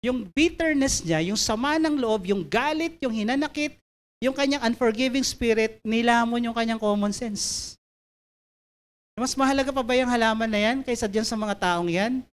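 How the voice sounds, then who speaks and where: Emphatic woman preaching a sermon. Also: a little high. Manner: emphatic, reads scripture slowly, asks listeners to repeat phrases to their neighbor.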